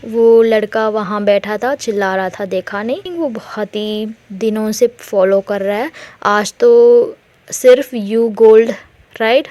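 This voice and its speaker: A woman's voice: a little high, slow, warm tone, no room sound. A woman doing a nosy, gossipy friend. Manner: prying, gossipy.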